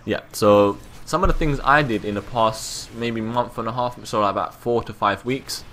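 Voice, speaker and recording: A man's voice: fairly low pitch, moderate pace, a bit bright, slight background noise. A young man from London with a London accent, giving casual gameplay commentary, rambling and repeating himself with the odd swear word. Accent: London English.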